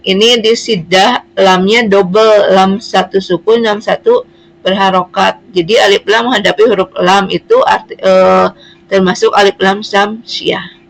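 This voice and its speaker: A woman's voice: medium pitch, steady tone, measured pace, vocal fry, poor audio. A woman teaching Quran reading, explaining patiently and spelling out letters one at a time. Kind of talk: slow classroom explanation.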